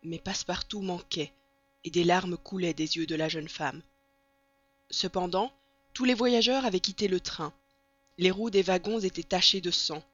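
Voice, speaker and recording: An audiobook narrator reading a classic novel in an even, steady storytelling manner. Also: medium pitch, normal speed, no echo. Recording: dull lo-fi recording.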